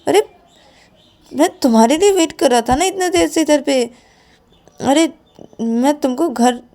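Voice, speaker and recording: A woman voicing a patient young partner who coaxes and pleads softly. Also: medium pitch, pitched above the performer's own voice, natural voice. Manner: soothing, pleading, repeats "arre".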